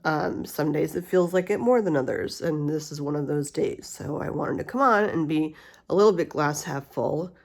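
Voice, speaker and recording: A woman's voice: low-pitched, normal speed. A middle-aged woman with a slight lisp from wearing a retainer, chatting candidly and ramblingly in a casual personal vlog. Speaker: vlogger. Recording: steady humidifier hiss and faint spa music. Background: cool mist humidifier, soft spa music.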